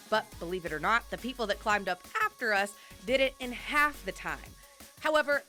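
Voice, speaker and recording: A woman's voice: on the high side, bright, forceful tone. A woman hosting a travel show, narrating in a bubbly, enthusiastic way.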